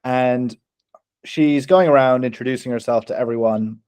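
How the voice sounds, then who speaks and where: An Irish man co-hosting a podcast, telling animated stories, acting out quotes and swearing freely. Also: mid-range voice, normal speed, clear, resonant tone, no room sound. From Ireland. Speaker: podcast co-host. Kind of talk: casual storytelling chat.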